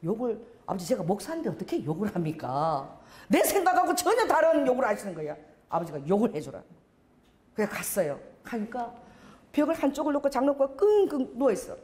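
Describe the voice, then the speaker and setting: A woman's voice: a little high, brisk, roomy sound. A middle-aged woman pastor preaching a sermon, telling a story with lots of drama and acting out the scenes. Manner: animated, dramatic storyteller who acts out scenes.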